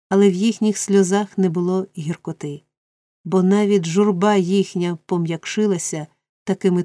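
A woman narrating a classic novel in measured, expressive storytelling. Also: on the low side, no room sound. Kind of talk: scripted audiobook narration.

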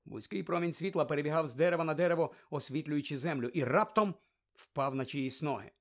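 A man's voice: on the high side, fast talker. Man reading an audiobook aloud. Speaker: narrator.

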